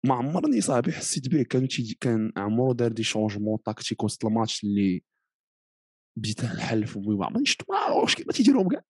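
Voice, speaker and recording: A man's voice: lowish voice, racing, a little mellow, slightly rough, dry recording, studio quality. A man with a Moroccan accent in a casual football discussion, explaining his points and mixing in French phrases.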